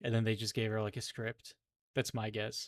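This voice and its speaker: A young man co-hosting a podcast, animated and sarcastic in casual chat, full of "like" fillers. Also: lowish voice, brisk. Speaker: podcast co-host.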